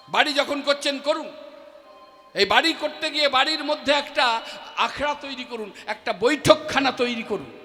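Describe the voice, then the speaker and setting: High-voiced impassioned male preacher. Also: sharp tone. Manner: impassioned, emphatic, chanting refrains. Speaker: kirtan singer and preacher. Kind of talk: devotional sermon storytelling. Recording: echoey hall with faint music.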